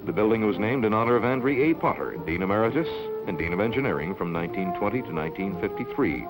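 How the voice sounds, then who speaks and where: A man's voice: on the low side, expressive, loud music behind the voice, rough recording. Man narrating an old newsreel. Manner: measured, formal announcing.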